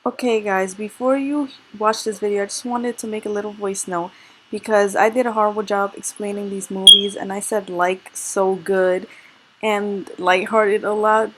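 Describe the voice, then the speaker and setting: A young woman leaves a quick voice note for her viewers, apologetic yet reassuring. The recording carries clear background noise. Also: medium pitch, sharp tone, rough recording. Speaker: YouTuber. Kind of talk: voice-note aside.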